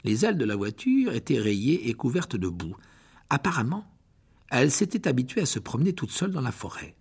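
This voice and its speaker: A man's voice: mid-range voice, big pitch swings, a little fast, darkish tone, breathy edge. A man narrating a fantasy audiobook dramatically, often dropping to a whisper. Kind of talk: expressive audiobook reading.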